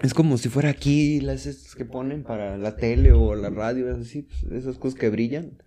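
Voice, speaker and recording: A man's voice: fairly quick, dark tone. A young Mexican man co-hosting a casual chat, rambling through stories and acting out quoted voices. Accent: Mexican Spanish. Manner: rambling storyteller, acts out shrill quotes. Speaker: co-host.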